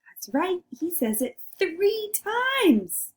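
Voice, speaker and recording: A woman's voice: extremely high pitch, sing-song, drawn-out words. A woman teacher reading a picture book aloud to children and coaching them to read along. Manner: instructive, coaxing children to join in.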